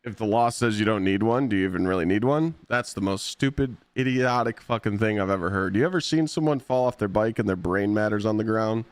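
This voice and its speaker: A man streaming live, telling blunt, profane stories in a casual, animated way. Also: lowish voice, a little fast, few pauses, no room sound. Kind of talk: casual storytelling while gaming.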